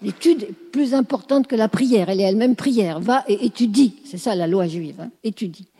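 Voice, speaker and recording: A woman's voice: mid-range voice, moderate pace, dark tone, husky. Woman lecturing in a reverberant hall. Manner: explanatory, checks understanding often. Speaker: teacher. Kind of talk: classroom lecture.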